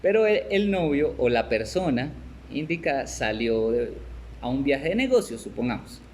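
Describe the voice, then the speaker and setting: A man's voice: medium pitch, sing-song, normal speed, a little mellow, slight background noise. A man with a Colombian Spanish accent, teaching a discipleship class in a conversational way, often checking in with "right?" and laughing now and then. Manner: conversational, asks "¿cierto?" and "¿sí?" often, laughs, acts out little scenes.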